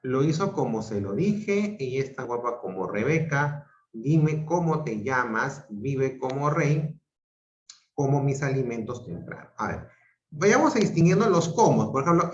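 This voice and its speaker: Male teacher over a dull, echoey call line, unhurried, explains each step and checks understanding. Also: medium pitch. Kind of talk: online grammar lesson. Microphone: video call. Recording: muffled roomy video-call audio.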